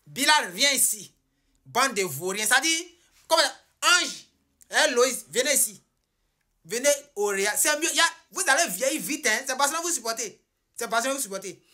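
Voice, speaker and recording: A woman's voice: fairly high pitch, animated, moderate pace, pushed and bright. Taunting woman mocking rival fans. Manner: taunting, scolding. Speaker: rival football fan. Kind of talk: taunting fan rant.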